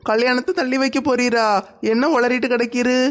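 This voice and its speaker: A man voicing a whiny, clingy young bride-to-be in a cartoon, with a high, nasal whine. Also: level tone, normal speed. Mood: upset. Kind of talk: cartoon voice acting.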